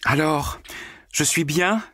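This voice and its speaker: A man's voice: on the high side, takes it slowly, no room sound, clean studio sound, voice pushed up. A man voicing an exultant young witch. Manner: loud and hoarse cries. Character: young woman turned witch, exultant and wild.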